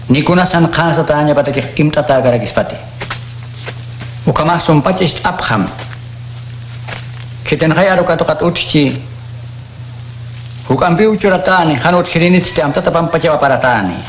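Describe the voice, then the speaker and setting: An actor playing Jesus in a radio drama, speaking in a calm, measured way. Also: male voice, a little high, a little hiss or hum, lightly acted. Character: Jesus, calm and commanding teacher. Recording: echoey radio drama with music.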